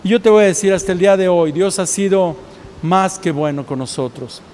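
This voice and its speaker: Mexican pastor, high male voice, storytelling sermon in a reverberant church hall. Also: a little fast, a little mellow, slight background noise. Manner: storytelling preacher, acts out quoted voices.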